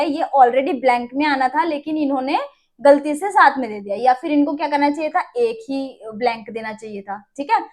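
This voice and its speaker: A woman teaching an online English lesson, reading English lines slowly and explaining them in Hindi. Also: high voice, a little mellow.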